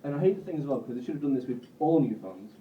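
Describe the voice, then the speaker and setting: A man in his twenties from Bolton with a Northern English accent, doing a live stand-up set in a self-deprecating, halting way with frequent swearing. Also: mid-range voice, lively intonation, slight background noise. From Bolton, England. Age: 20s. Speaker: stand-up comedian. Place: comedy club stage. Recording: roomy, distant, muffled live recording.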